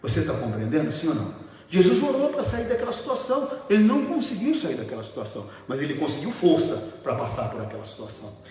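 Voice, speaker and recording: A man's voice: a little high, huge pitch swings, fast talker, a little mellow, faint music behind. A middle-aged Brazilian man preaching a sermon as pastor, talking in an emphatic, conversational way and putting questions to the congregation. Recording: very echoey hall, faint noise.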